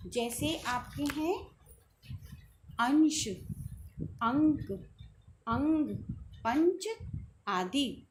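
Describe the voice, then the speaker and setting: A woman teacher with a high voice takes a lesson slowly and patiently. She poses questions to the class and answers them herself. A faint hiss sits under her voice. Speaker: school teacher. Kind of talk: Hindi grammar lesson.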